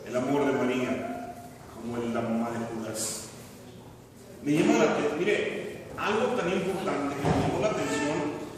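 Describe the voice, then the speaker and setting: An older man preaching a sermon in a church, earnest and emphatic, with long pauses between phrases. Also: medium pitch. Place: church hall. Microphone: distant room mic. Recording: echoey hall from far off, faint hiss.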